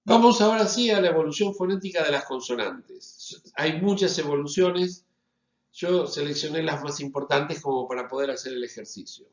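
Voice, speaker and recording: A man giving a lecture as a teacher, deliberately stressing each example word. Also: on the high side. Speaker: Latin teacher. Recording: roomy, slightly dull recording.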